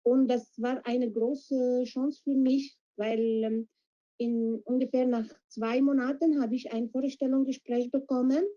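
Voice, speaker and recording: She's an Arabic speaker taking part in a project, giving interview answers in German she's still learning, hesitating often while searching for words. The video-call audio sounds muffled and low quality; her voice is steady, fairly high in pitch, but mellow and dark.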